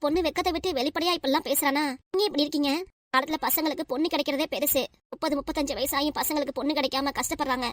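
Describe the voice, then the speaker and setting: A woman's voice: high voice, steady tone, rapid-fire, no room sound, lightly acted. Cartoon: woman as a persistent young nurse, southern Tamil Nadu accent, dry close sound. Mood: tearful pleading. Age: 20s. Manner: pleading, insistent, talks over objections. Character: earnest 20-year-old female nurse, lovestruck and persistent. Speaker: voice actor. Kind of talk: cartoon voice acting.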